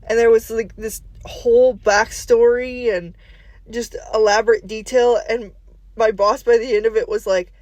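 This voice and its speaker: A host casually recounting a dream to the listener in a hazy, puzzled way, searching for details with pauses and hedges. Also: medium pitch, steady tone, darkish tone, dry recording. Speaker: host of a dream journal series.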